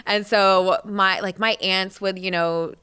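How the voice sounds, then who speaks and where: A woman in her late twenties, a podcast guest, telling stories in a lively, laughing way and acting out quotes. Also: mid-range voice, takes it slowly, clear, resonant tone. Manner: animated storyteller, laughs often, acts out quotes. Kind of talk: casual chat.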